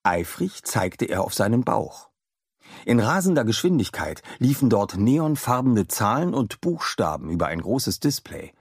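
A man reading a children's story aloud with expressive, animated narration. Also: fairly low pitch, unhurried, slightly rough, no room sound, clean studio sound. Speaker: audiobook narrator.

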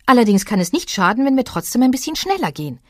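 A woman voicing a calm, caring mother troll from a storybook, speaking soothingly. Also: a little high, quick pace, dry recording, clean studio sound, voice pushed up.

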